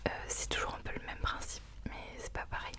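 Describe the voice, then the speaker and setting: Hushed library whisper, ASMR book reader. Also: brisk. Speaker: ASMR host. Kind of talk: whispered ASMR book recommendations and reading aloud.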